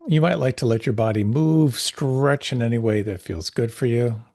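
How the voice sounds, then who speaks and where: A man teaching a guided meditation class, giving gentle, unhurried, soothing instructions with pauses. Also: mid-range voice, dry recording, clean studio sound.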